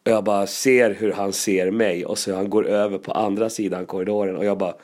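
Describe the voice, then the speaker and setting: A comedian telling casual, lively anecdotes, with laughs and asides. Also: male voice, fairly low pitch.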